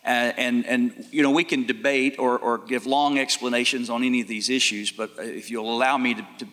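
A man, a pastor, moderates a panel with friendly, joking chatter. His voice is bright and clear, and it rings with the long reverb of a church hall. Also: mid-range voice, fairly even intonation, fairly quick. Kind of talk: casual moderating at a church event.

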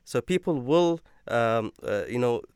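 A man's voice: medium pitch, lively intonation, a little slow, darkish tone, clear, resonant tone, no echo, studio quality. A young man speaking as a panel guest, hesitant, with many fillers and repeated words. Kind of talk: panel discussion.

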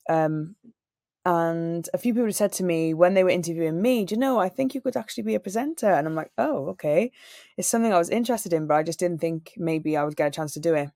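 A woman's voice: fairly low pitch, quick pace, warm tone, no echo, studio quality. A young woman from Wales, a singer and radio presenter, answering interview questions in an earnest, storytelling way. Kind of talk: interview conversation.

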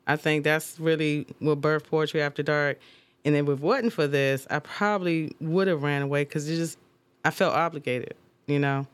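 Female podcast host, casual and animated, dry sound. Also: sits low, normal speed, clear, resonant tone, no echo. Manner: laughing, animated hype. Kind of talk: casual chat.

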